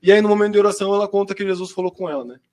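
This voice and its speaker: A young man, telling his personal testimony in a chatty, slangy way as a seminarian guest. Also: high voice. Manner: chatty, slangy storyteller, quick and lively. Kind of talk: personal testimony in casual chat.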